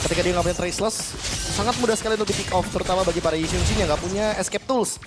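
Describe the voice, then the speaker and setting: A man's voice: high-pitched, rapid-fire, loud music behind the voice. A man with an Indonesian accent giving explanatory analysis as a caster on an esports broadcast.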